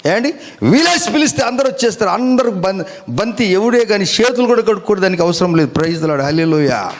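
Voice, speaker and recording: A man's voice: high voice, animated, quick pace. A male pastor preaching a Sunday sermon, calling out for hallelujahs and firing questions at his listeners. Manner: calls out for hallelujahs and amens; fires rhetorical questions at the listeners.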